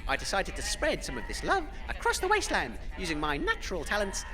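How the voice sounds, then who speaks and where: In a comedy audio drama, a man plays a pompous British wasteland radio DJ who boasts through anecdotes but turns hesitant and flustered when challenged. His voice is high-pitched, with huge pitch swings and a quick pace.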